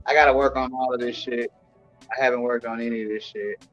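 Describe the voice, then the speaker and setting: A man's voice: medium pitch, fairly even intonation, quick pace, fairly bright tone, dull audio, soft background music. A man hosting a casual stream, talking loosely with slang and frequent swearing while showing his home grow room.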